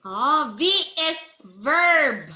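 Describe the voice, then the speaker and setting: A woman's voice: high voice, expressive, bright, forceful tone, lo-fi sound. A woman teaching English to a child one-on-one, speaking patiently, repeating words and praising answers. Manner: patient, slow, repeats words for the learner to copy.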